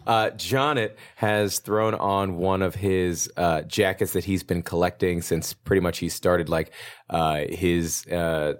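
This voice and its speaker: Deep-voiced man casually playing tabletop games. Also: fairly even intonation, slow pace. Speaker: tabletop game player. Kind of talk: casual, halting improvised description.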